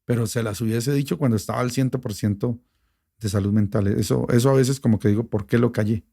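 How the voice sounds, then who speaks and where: A middle-aged man with a Bogotá Colombian accent, a radio journalist telling a personal story in an interview, emotional and animated, with many restarts. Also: medium pitch, fast talker, gravelly. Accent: Bogotá Colombian Spanish. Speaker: radio journalist and station director.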